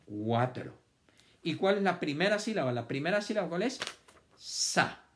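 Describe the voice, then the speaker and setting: A man's voice: fairly high pitch, expressive, normal speed, background noise. A man teaching a children's vocabulary lesson, stretching words out syllable by syllable and repeating them for the class to copy.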